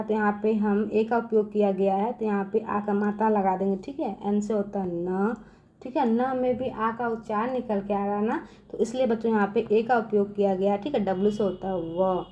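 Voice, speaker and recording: A woman's voice: medium pitch, fairly even intonation, warm tone, lo-fi sound. A woman teaching children spelling, patiently repeating each step and checking in after nearly every line. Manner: repeats "theek hai" constantly, patient and drawn-out; addresses viewers as children.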